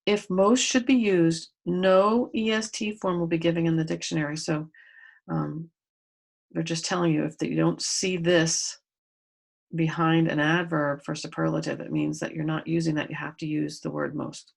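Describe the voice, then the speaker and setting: A woman's voice: low-pitched, flat delivery, normal speed, vocal fry. A woman teaching a grade school grammar lesson to pupils at home, patiently explaining step by step and spelling out letters.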